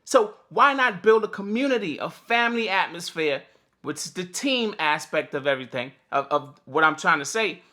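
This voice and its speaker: A man's voice: high voice, lively intonation, normal speed, bright, forceful tone. Chatty man hosting a morning livestream. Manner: chatty, greets viewers by name, laughs often. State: slightly cracked voice. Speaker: host of a morning livestream for delivery drivers. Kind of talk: casual livestream chat.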